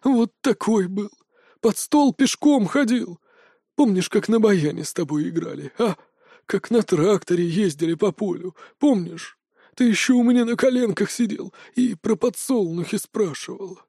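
A tiny, very old army veteran talks in a rambling, emotional way, gruff one moment and tearful the next, with a man acting him out. His voice is set somewhat higher than the narrator's. The audiobook recording is close and dry. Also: normal speed, dark tone, dry recording, exaggerated voice. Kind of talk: audiobook character voice.

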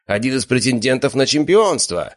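A man's voice: sing-song, normal speed, dry recording, close to an everyday voice. A man voicing a bombastic male fight-arena announcer who roars to the crowd in an audiobook. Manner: booming, showman shouting. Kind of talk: audiobook character voice.

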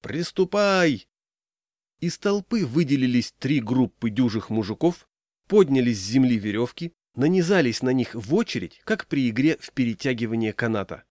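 Man reading a story with lively pitch. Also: normal speed, no room sound, clean studio sound. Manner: lively storytelling, voicing characters. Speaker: audiobook narrator. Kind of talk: expressive audiobook reading.

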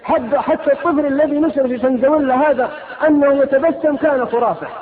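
Man, fiery sermon, very high voice, tinny lo-fi sound with long hall echo. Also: fairly even intonation, quick pace, a faint crowd. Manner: impassioned, rhetorical, scolding. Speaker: preacher.

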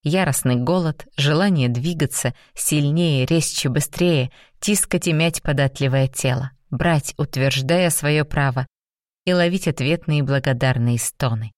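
A woman narrating a romance novel aloud in smooth, even storytelling. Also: low-pitched, a little slow, dry recording, studio quality. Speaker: audiobook narrator.

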